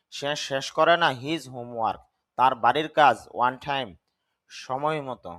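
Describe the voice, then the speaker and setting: A man teaching English grammar, reading example sentences slowly, translating them and correcting the pronunciation of words. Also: fairly high pitch, a bit bright, no echo. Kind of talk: slow grammar lesson.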